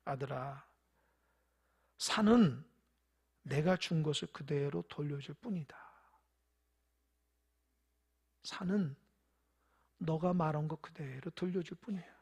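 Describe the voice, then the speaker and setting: A gentle, wise mother from a parable told in a sermon, instructing her son quietly and patiently. The voice is husky and gravelly, and stays low and soft as the preacher acts her out. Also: a little slow, long pauses.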